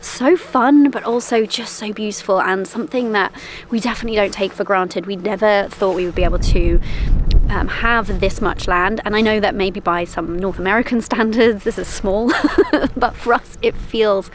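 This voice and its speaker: A woman's voice: medium pitch, normal speed, slight background noise, poor audio. A woman in her thirties, from the UK, chatting cheerfully to a handheld camera outdoors in open countryside and laughing often. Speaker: vlogger. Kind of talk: casual chat to camera. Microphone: handheld camera close to face.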